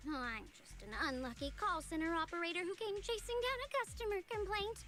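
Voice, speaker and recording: Sarcastic, high-pitched customer service operator. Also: female voice, brisk, bright, forceful tone, faint music behind. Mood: breezy, sly. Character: sly young female call center operator with sarcastic, condescending politeness. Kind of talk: video game voice acting.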